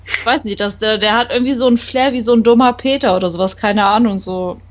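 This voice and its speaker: A woman's voice: fairly high pitch, fast talker. Blunt woman in casual chat. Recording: dull lo-fi sound.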